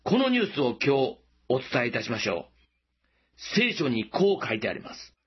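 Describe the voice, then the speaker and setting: A man preaching a sermon as pastor, gently asking listeners questions and slowing down for emphasis, in a dull lo-fi recording. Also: medium pitch, wildly swooping pitch, husky.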